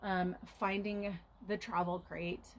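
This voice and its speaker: A woman's voice: medium pitch, flat delivery, slow, a little hiss or hum, rough recording. A woman homesteader telling her vlog audience, shaken and earnest, about a frightening mishap, often speaking of God and prayer. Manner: shaken, earnest retelling of a scare. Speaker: homesteader vlogger. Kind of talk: emotional storytelling to camera.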